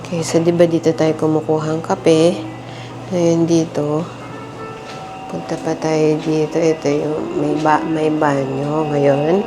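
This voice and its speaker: With music in the background, a woman speaks in a low, level voice at a measured pace as she films a family travel vlog. She narrates casually to the camera, keeps calling viewers "guys," and shows a hotel laundry room and a convenience store, all on noisy handheld audio.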